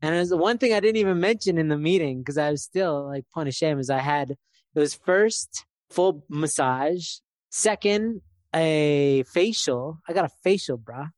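A man's voice: on the high side, lively intonation, normal speed, a little mellow, no room sound, clean studio sound. A man in his thirties, co-hosting a podcast in casual chat, talking in a loose, reflective way with many fillers. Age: 30s. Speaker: podcast co-host.

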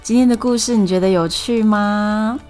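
A woman with a Taiwanese Mandarin accent hosting a storytelling podcast, explaining things in a chatty way with drawn-out sentence particles. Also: mid-range voice, a little mellow, soft background music. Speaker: podcast host.

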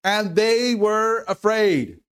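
A man preaching a sermon in an earnest, conversational way, now and then calling out loudly. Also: high-pitched, slow pace, clean tone. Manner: earnest, conversational preaching with sudden loud calls. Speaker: pastor.

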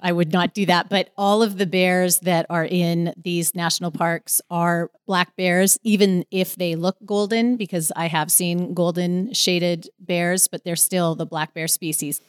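A woman telling a personal story in a casual, animated way, with vivid retelling. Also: fairly low pitch, a little slow, hardly any pauses, smooth, no echo. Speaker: storyteller guest.

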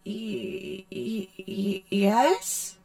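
A woman's voice: medium pitch, extremely slow, creaky, darkish tone, no echo, clean studio sound, faint music behind. A woman voicing a literal-minded female android who halts and stutters, stuck on yes-or-no answers. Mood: mechanical.

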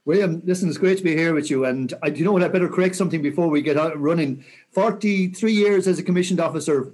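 A man in his sixties with a west of Ireland accent, talking reflectively and earnestly in an interview with measured, rhetorical phrasing. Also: fairly high pitch, darkish tone. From County Mayo, Ireland. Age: 60s. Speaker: interview guest, senior military officer.

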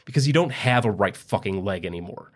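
A man's voice: mid-range voice, quick pace, pitched above the performer's own voice, lightly acted. A man voicing a scorned, vengeful wife who speaks in cold, clipped threats.

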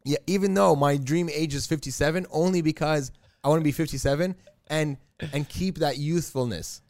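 A man's voice: a little high, moderate pace, a little mellow, no room sound. A man in his thirties co-hosting a podcast, rambling and leaning heavily on filler words. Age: 30s. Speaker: podcast co-host. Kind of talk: casual chat.

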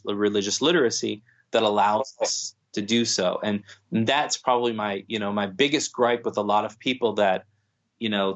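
A man's voice: fairly low pitch, a bit bright. A man speaking thoughtfully in a podcast conversation, with many restarts and fillers. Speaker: guest speaking on Islam. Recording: dull lo-fi sound.

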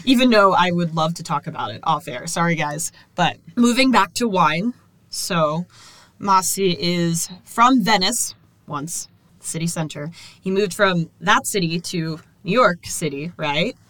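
A woman hosting a podcast with a slightly low voice. She talks in a chatty, friendly way and laughs often as she moves from a prepared segment to a loose conversation. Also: lively intonation, a little slow, a bit bright, no echo, poor audio. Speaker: podcast host. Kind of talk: scripted segment and casual interview.

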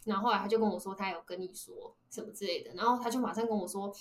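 A woman's voice: medium pitch, a little hiss or hum. A young adult woman, hosting a casual podcast chat and telling a story, acting out what people said. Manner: fast animated storytelling, acting out quotes. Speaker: podcast host.

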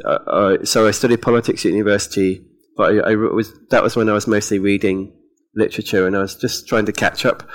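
A man speaking on a festival panel, hesitant and self-deprecating, with many pauses and ums. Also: on the low side. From England. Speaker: poet on a panel. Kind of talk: live onstage conversation. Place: festival event before an audience.

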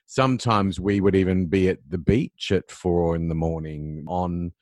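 A male podcast host with a very deep voice and a dry, close sound. He is effusive and affirming with his guest, asking questions between warm reactions. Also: steady tone, unhurried, no echo. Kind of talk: interview.

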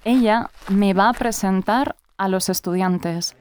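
A woman in her twenties from Spain with a Spanish-from-Spain accent, narrating a scripted learner story as a new teacher. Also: mid-range voice. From Spain (Galicia). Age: 20s. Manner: slow, clear, carefully spoken.

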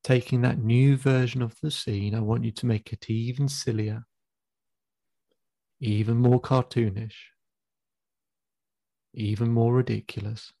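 A man with a gravelly, mellow voice leads a guided visualization as a therapist. He speaks slowly and calmly, giving step-by-step cues and counting the listener in. The sound is close and dry. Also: mid-range voice, no room sound. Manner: slow, calm, instructive pacing with counted cues. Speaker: therapist guiding a client.

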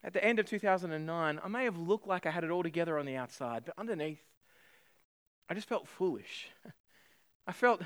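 A man's voice: sits high, fairly bright tone, no room sound, clean studio sound. A man in his thirties from Australia, a pastor preaching a sermon and telling a personal story with self-deprecating humor.

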